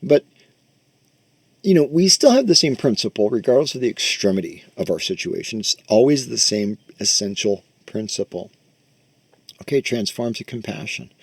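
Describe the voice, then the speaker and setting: A man's voice: on the low side, animated, moderate pace, creaky, breathy edge, dry recording. A man giving a loose, conversational Buddhist teaching with a guided meditation, cursing casually and speaking close to the microphone. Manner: loose, conversational, swears casually, many fillers.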